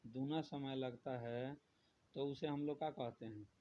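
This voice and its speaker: A man's voice: mid-range voice, fairly even intonation, measured pace. A male teacher giving a grammar lesson, repeating each point and asking the class questions that he answers himself. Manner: repetitive, asks questions then answers them. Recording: dull lo-fi sound with faint noise.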